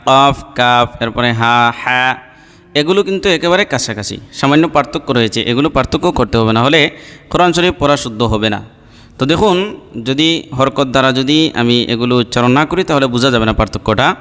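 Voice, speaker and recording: A man's voice: medium pitch, a bit bright, clear, resonant tone, long reverb tail. A man teaching Arabic letter pronunciation for Quran reading, repeating each sound and explaining patiently. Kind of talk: slow step-by-step pronunciation lesson.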